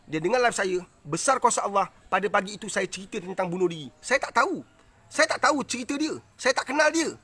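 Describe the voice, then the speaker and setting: A man's voice: extremely high pitch, pushed and bright, husky. A man with a Malaysian Malay accent hosting a live stream, telling a story to his viewers in an earnest, repetitive way, often checking in with rhetorical asides.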